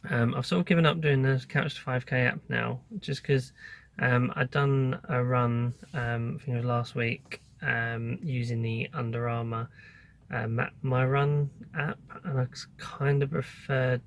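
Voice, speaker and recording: A man's voice: mid-range voice, steady tone, a little slow, creaky, a little hiss or hum. A man talking casually as a vlogger, giving an informal update in a hesitant, thinking-aloud way.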